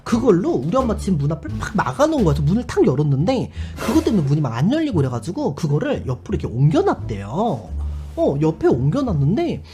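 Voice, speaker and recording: A woman YouTuber chats her way through a story in a casual, animated voice, full of vivid sound words. Her pitch moves all over the place, and faint music plays behind her. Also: quick pace. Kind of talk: casual anecdote telling.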